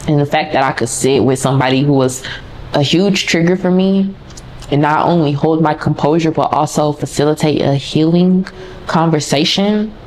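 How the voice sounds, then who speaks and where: A woman's voice: low-pitched, a little mellow, a little hiss or hum. A woman podcast host telling a personal story in a candid, casual, conversational way, talking straight to her listeners.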